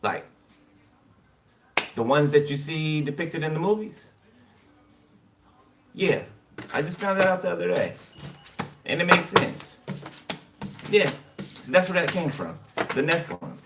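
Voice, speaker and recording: A man's voice: on the high side, big pitch swings, a little slow, creaky, pauses often. A man giving a casual tarot reading, rambling and repeating "okay" and "you know" as he talks to his viewers. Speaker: tarot card reader. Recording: distant mic with background noise. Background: birds chirping.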